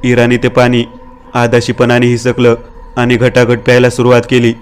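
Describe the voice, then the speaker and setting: A man narrating a horror story in a steady, even-toned scripted reading. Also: mid-range voice, normal speed, clean tone.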